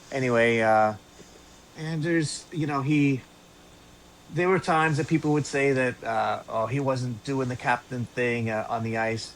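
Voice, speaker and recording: Halting man co-hosting a fan podcast. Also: medium pitch, slight background noise. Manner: halting, many fillers and repeated words. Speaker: podcast co-host. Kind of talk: casual podcast chat.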